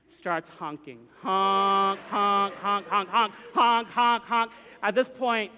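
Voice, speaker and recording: A young adult man, a pastor, telling a comic story in a chatty, animated way from the pulpit. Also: high voice. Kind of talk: storytelling sermon. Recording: reverberant hall.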